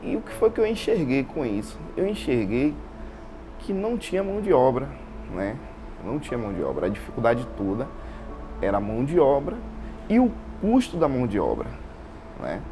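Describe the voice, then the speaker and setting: Very animated and at a normal speed, a mid-range male voice with a Bahian Brazilian accent tells his own story as an interview guest. He owns an installation business in Salvador, Bahia, and his informal account, set to background music, is full of repeated phrases and tag questions.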